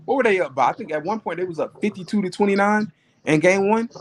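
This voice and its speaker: A man's voice: high voice, animated, fast, slight background noise. A man co-hosting a podcast, making his points about basketball in a pointed, insistent way. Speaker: podcast co-host. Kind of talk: casual sports debate.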